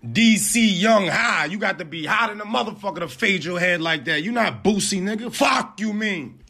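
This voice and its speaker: A man firing back roast insults in an aggressive, shouting manner. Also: high-pitched, creaky, husky.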